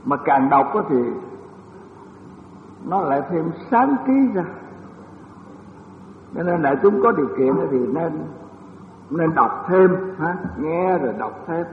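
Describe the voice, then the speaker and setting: A man's voice: a little high, expressive, slow pace, pauses often. An older man, a Buddhist monk, giving a rambling dharma lecture with many fillers and self-deprecating asides in a temple lecture hall. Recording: tinny lo-fi, echoey hall, faint hiss.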